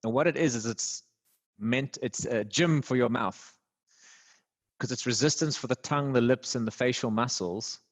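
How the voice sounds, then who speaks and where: Lively man explaining voice technique. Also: mid-range voice, normal speed. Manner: explanatory, animated, laughs easily. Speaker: podcast guest, voice actor and communication trainer. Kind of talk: conversational interview.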